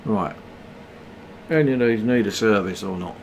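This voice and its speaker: A man's voice: lowish voice, normal speed, creaky, darkish tone, a little hiss or hum. A tired man, mocking the ads he watches during a late game stream. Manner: sarcastic, mocking. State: tired, yawning. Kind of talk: casual live-stream commentary on ads.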